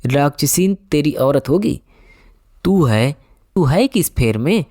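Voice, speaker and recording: A man voicing a fierce, sharp-tongued village wife in an audiobook, scolding in a shrill voice. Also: animated, slow, no room sound, clean studio sound.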